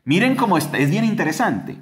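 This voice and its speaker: Animated man teaching the Bible. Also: fairly quick. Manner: animated, acts out quoted voices with big pitch jumps; asks listeners rhetorical questions. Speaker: podcast co-host teaching the Bible.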